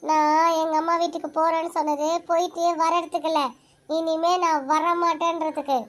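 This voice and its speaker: Woman doing a very high-pitched scolding cartoon wife. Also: flat delivery, moderate pace. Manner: nagging, complaining, turns tearful. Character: shrill scolding wife, mother of two daughters. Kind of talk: cartoon family drama acting.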